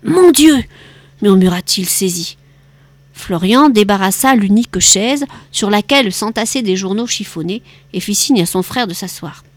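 A woman's voice: mid-range voice, no room sound. Woman reading a novel aloud, dry sound. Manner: steady, measured narration. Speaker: audiobook reader.

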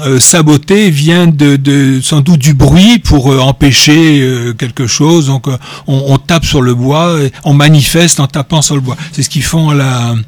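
A man's voice: fairly high pitch, measured pace, few pauses, dry recording. A man giving an informal talk on word origins, digressive and joking, with many hesitations and repeated words. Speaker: speaker explaining word origins.

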